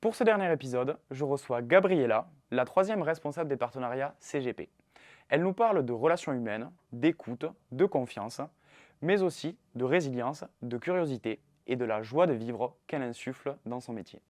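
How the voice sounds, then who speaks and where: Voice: mid-range voice, animated, moderate pace, a little mellow, no echo, studio quality. An interviewer who opens with a scripted introduction and asks the guest questions. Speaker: interviewer, host.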